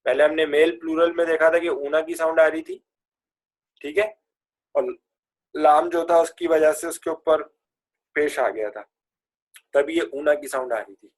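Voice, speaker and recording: A man teaching Arabic verb forms with a slightly high voice, chanting the conjugations and having the class repeat after him. His explanations are full of English grammar terms, delivered as a classroom drill. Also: long pauses. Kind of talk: classroom lesson with recitation drills.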